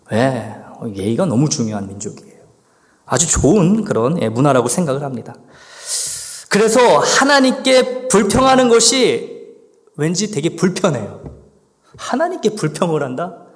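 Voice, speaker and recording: Male pastor, sermon, high-pitched, pleading acted prayers, echoing church hall. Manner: acts out the psalmist's complaints in a pleading voice. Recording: long church reverb.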